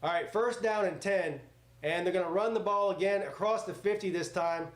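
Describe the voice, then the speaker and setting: A man in his forties with a high voice hosts a live sports watch party at a moderate pace. He mixes casual chat with play-by-play, and his style is blunt, joking, and rambling.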